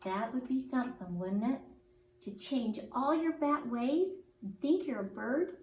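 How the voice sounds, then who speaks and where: A woman telling stories to young children in an animated story-time style. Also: a little high, a little slow. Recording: roomy, distant mic, faint noise.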